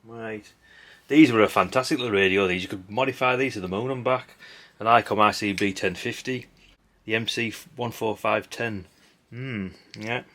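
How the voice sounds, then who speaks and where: This middle-aged man speaks at medium pitch with a fairly bright tone. He's a hobbyist video host chatting off the cuff as he sorts old parts, rambling and blunt, using mild swearing and tag questions.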